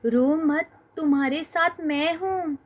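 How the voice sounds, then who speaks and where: A woman voicing a loving departed mother calling softly for her daughter in a cartoon story. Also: sits high, takes it slowly. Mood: tender.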